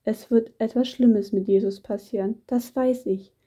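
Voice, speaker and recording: A woman's voice: fairly high pitch, fairly even intonation, normal speed, warm tone, slightly rough. A woman voicing a sad, grieving male disciple who urges a child to go home, in a raised, pleading voice. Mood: sad, urging. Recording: dull muffled recording.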